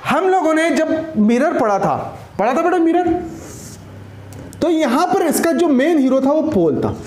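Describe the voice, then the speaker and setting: High-pitched teacher, echoey room. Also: male voice, big pitch swings, a little slow, a little mellow, a little hiss or hum. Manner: keeps asking and repeating, calls students beta. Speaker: school science teacher. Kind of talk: classroom lecture.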